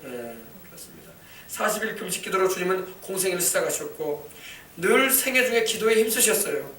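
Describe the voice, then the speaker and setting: A man's voice: high voice, brisk, pushed and bright, slight background noise. A male pastor preaching a sermon with passion and often calling out for an amen. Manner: impassioned preaching, calls for amens. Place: church sanctuary. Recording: echoey church from a distance.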